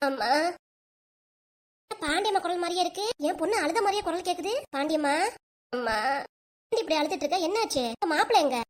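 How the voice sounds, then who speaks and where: A woman's voice: very high voice, expressive, brisk, pauses often. A woman with a southern Tamil Kanyakumari accent voicing a fussy, scolding grandmother and mother-in-law in a cartoon, nagging and complaining. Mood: worried, arguing. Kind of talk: cartoon voice acting.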